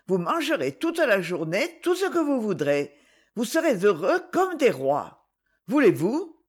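A woman's voice: mid-range voice, big pitch swings, a little slow, breathy edge. A woman reading an old teasing general. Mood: gentle. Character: old male general, teasing, soft-hearted.

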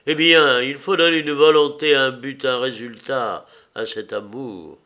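A man's voice: medium pitch, a little slow, bright, forceful tone. A man reading the part of a proud, bitter imperial Roman mother in an audiobook, in a stern, commanding manner.

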